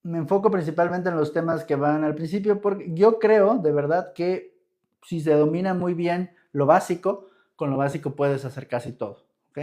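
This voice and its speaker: A young Mexican man with a slightly high voice teaches English grammar on a live stream in Mexican Spanish. He talks in a relaxed, chatty way, answers viewers' comments and keeps checking in with "¿ok?". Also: normal speed.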